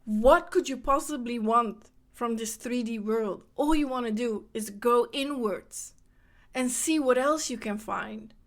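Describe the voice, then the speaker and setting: A high-voiced Dutch woman from the Netherlands, whose first language is Dutch, hosts a podcast with an animated, unhurried spiritual monologue. She keeps things casual and repeats phrases for emphasis.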